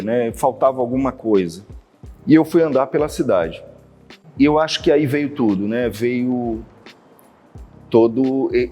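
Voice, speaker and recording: A man's voice: medium pitch, a little mellow. A man in his fifties from Salvador with a Bahian Brazilian accent, an artist speaking thoughtfully and unhurriedly about his work, often ending phrases with a questioning tag. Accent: Bahian Brazilian Portuguese. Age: 50s. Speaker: visual artist. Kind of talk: reflective interview monologue. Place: his art studio.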